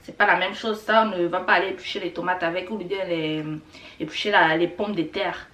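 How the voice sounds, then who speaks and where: This middle-aged woman from Rwanda speaks with a fairly low pitch, a steady tone, and a slightly bright quality, at a somewhat fast pace. In her casual Kinyarwanda teaching vlog she chats, repeats words, and uses many fillers, recorded a bit far from the mic in an echoey room.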